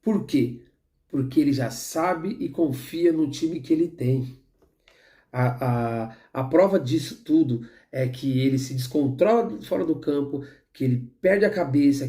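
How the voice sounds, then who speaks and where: A Brazilian football commentator with a Brazilian accent gives heated, rambling opinions in casual football talk, often restarting his sentences. His voice is fairly high and mellow, at a measured pace.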